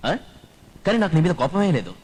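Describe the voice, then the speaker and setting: A man's voice: high-pitched, big pitch swings, fast talker, darkish tone. An actor dubbing a menacing male police interrogator in a film, firing threats and questions. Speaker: interrogating officer.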